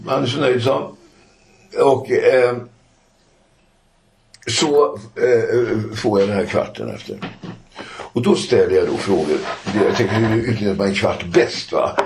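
Older male guest: deep, animated storyteller, chatty, peppers stories with fillers and tag questions. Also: creaky, pauses often, noisy background. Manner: animated anecdotes with frequent "eh" and "va?" tags. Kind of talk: casual storytelling.

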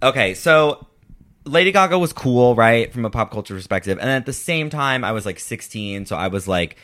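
A man's voice: medium pitch, animated, moderate pace, fairly bright tone. A man in his twenties chatting casually as a podcast guest, phrasing things hesitantly and peppering sentences with "like". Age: 20s. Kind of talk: casual chat.

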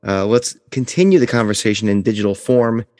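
A man's voice: on the low side, lively intonation, brisk, a little mellow, dry recording, studio quality, big-room sound. A man hosting a podcast in a casual, chatty style. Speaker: podcast host. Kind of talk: casual chat.

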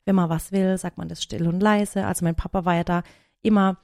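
A woman in her thirties, a podcast co-host, chatting casually and telling long stories in an animated way. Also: on the low side, brisk, no echo, clean studio sound. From Germany. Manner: animated storyteller, talks at length. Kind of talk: casual chat.

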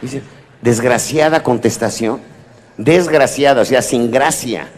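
A man's voice: mid-range voice, a little slow, noisy background. A man delivers a motivational talk to a live audience. His tone is playful and teasing, and he keeps addressing the listeners directly. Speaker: motivational speaker. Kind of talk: humorous lecture to a live audience.

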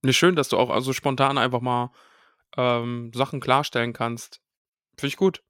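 A man's voice: medium pitch, fairly even intonation, normal speed, fairly bright tone, no echo, studio quality. A man co-hosting a casual podcast, easygoing, retelling a chapter and reading quotes aloud. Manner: easygoing, reads quotes aloud, frequent fillers. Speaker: podcast co-host. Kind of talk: casual chat about a book chapter.

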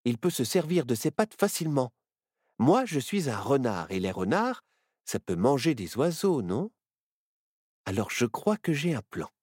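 A man doing a young boy changed into a fox, his voice lifted well above the reader's own. Worried but quick-witted, he speaks up close in a dry read. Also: mid-range voice, sing-song, darkish tone, no room sound, pitched above the performer's own voice. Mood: thoughtful.

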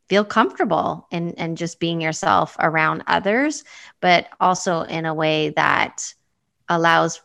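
A woman's voice: lowish voice, vocal fry, a bit bright. A woman in her fifties, answering interview questions thoughtfully and with some hesitation. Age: 50s. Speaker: guest.

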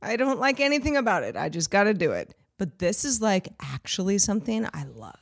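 A woman's voice: mid-range voice, sing-song, brisk. A woman co-hosting a podcast in casual chat, enthusiastic and giggly, with lots of "like". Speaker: podcast co-host.

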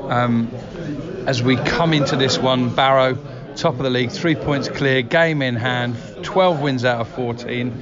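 Male football interviewer, stop-start delivery, muffled sound with clear crowd chatter behind. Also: medium pitch, a little slow. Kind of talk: on-location interview. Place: busy pub.

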